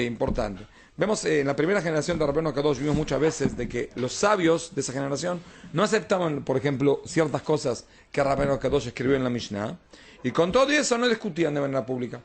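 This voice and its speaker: A man's voice: a little high, creaky. A man, a rabbi, teaching an informal Talmud class, explaining texts and often checking that his students follow.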